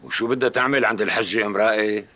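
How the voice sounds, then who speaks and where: An actor playing a stern, hot-tempered Syrian father who shouts and lays down the law at home, speaking with a Syrian Arabic accent. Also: lowish voice, fairly even intonation, very fast. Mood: exasperated. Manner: shouting, harsh and domineering. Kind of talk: TV drama acting.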